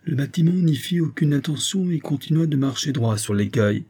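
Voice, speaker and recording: A man reading a classic novel aloud as scripted narration in a steady, dramatic manner. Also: fairly high pitch, a little fast, slightly rough. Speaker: audiobook reader.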